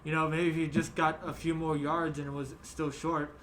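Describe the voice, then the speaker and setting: A man's voice: fairly high pitch, level tone, moderate pace, fairly bright tone, a little hiss or hum. A young man hosting a casual sports chat, rambling with many fillers and restarts. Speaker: podcast host.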